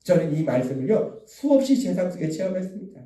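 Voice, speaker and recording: A man's voice: high-pitched, very animated, fast, mellow. A man preaching a Sunday sermon, emphatic, repeating key phrases and acting out the lines he quotes. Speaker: pastor. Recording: echoey room, voice from a distance.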